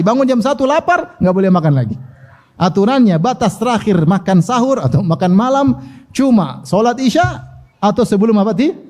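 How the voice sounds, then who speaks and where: An Islamic preacher with a high-sitting, dark-toned voice gives a religious lesson. He recites Arabic passages, translates them, and acts out the dialogue with humor.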